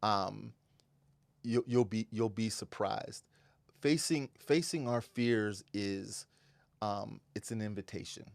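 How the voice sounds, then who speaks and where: A man co-hosting a podcast, speaking in a reflective, measured way with frequent affirming murmurs. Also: fairly low pitch, vocal fry, no echo. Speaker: podcast co-host. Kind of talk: casual podcast chat.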